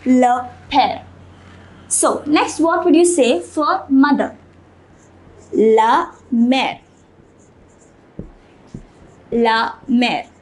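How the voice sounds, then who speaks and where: Slow, high-voiced woman teaching French. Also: low-quality recording. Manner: patient, repeats each word several times. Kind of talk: slow classroom-style language lesson.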